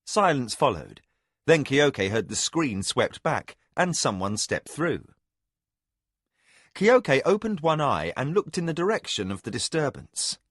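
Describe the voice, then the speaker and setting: Expressive male audiobook narrator. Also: mid-range voice, measured pace, breathy edge, dry recording, studio quality. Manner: expressive storytelling. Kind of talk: scripted narration.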